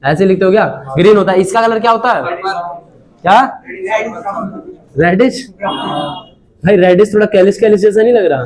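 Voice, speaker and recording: A man with a high voice teaches chemistry to a room of students. He jokes with them and keeps asking if they understood. His delivery stays casual and chatty throughout. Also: normal speed, pauses often, a little mellow. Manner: casual, joking, constantly checking if students understood. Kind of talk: classroom chemistry lesson. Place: classroom with students.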